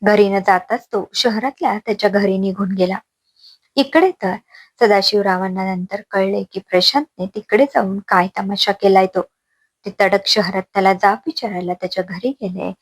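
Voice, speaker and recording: Brief: woman storyteller, expressive dramatic reading, mid pitch, dry close mic. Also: breathy edge, no echo. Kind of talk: scripted story narration.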